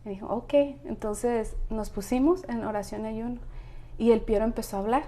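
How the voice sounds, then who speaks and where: A woman's voice: on the high side, fairly even intonation, moderate pace, mellow. A middle-aged woman talking earnestly about faith and prayer, her voice rising with emphasis. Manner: earnest, emphatic, preacherly rises. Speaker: co-host of women's ministry talk. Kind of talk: casual faith talk.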